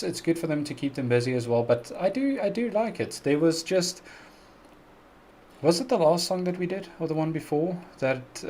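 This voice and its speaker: Hosting a relaxed Q&A on his live stream, this South African music reaction YouTuber chats earnestly, laughs a lot, and articulates every word with great care. He has a mid-range, slightly mellow voice, and the recording carries a little hiss or hum.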